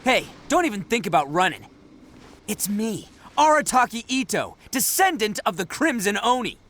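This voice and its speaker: An actor voicing a brash, hot-blooded young oni gang boss in a video game, cocky, slangy and boisterous. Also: male voice, high-pitched, very animated, normal speed, a bit bright. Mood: fired up.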